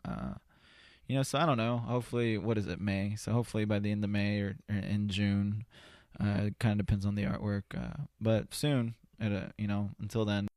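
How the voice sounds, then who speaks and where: This podcast guest, a spoken word poet, gives casual conversational interview answers in an indoor studio, rambling and hesitant with plenty of "you know." His voice sits on the low side, and the studio-quality recording has no room sound.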